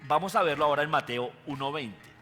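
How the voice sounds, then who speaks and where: A man's voice: a little high, quick pace, sharp tone. A male pastor giving a sermon, teaching and putting questions to his congregation. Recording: echoey hall with faint guitar.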